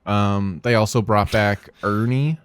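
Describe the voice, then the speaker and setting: A man's voice: on the low side, fairly even intonation, unhurried, smooth. A man co-hosting a casual movie podcast, rambling and hesitant with lots of fillers. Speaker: podcast co-host.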